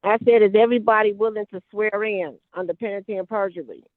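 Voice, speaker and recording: A woman's voice: mid-range voice, steady tone, fast talker, dry recording. Insistent woman on a tinny courtroom recording. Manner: insistent, repeats objections and questions. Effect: courtroom hearing recording over a phone-like line. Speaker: defendant. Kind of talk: argumentative courtroom exchange. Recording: tinny, dry phone-line courtroom recording.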